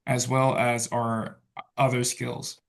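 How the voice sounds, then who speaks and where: A man teaching an English class, talking in a relaxed way full of fillers like "so" and "okay". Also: medium pitch, takes it slowly, creaky. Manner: relaxed, filler-heavy, says "so" and "okay" a lot. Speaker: English tutor. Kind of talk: online tutoring class.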